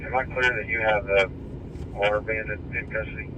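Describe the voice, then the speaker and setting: A man's voice: on the low side, fairly even intonation, brisk, dull audio. A man speaking over a police scanner radio, using clipped radio codes and calling others sir. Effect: heard over a police scanner radio. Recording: distant scanner radio with noise.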